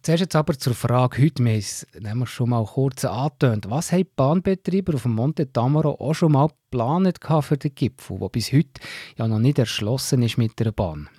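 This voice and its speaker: Swiss german radio guy hosting, bit husky, dry booth sound. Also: medium pitch, lively intonation, normal speed, mellow, no room sound. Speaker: radio host. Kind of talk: radio presenting.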